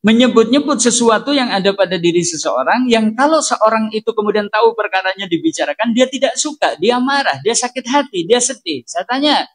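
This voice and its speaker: A preacher leads a religious study group and answers questions from the audience, his husky voice a little high for a man. He speaks fairly quickly in a relaxed, conversational style, slipping in regional words and tossing rhetorical questions back at his listeners.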